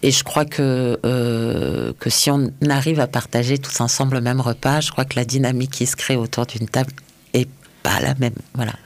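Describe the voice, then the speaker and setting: A man's voice: mid-range voice, fairly even intonation, moderate pace. A man from France, a restaurant chef, answering interview questions in a thoughtful, hesitant way with many fillers.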